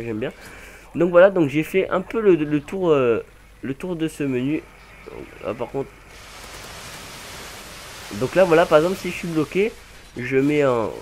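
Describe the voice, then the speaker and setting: A man's voice: medium pitch, a little mellow, a little hiss or hum. A young man casually commenting over a game mod demo, rambling with many fillers and self-corrections. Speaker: gaming channel host.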